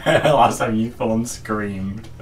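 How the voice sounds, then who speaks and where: A man's voice: lowish voice, slow pace, a crowd in the background. A man joking around while gaming with friends, giggling, teasing and beatboxing. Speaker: guest player. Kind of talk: casual gaming banter. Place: indoors, in one room with friends.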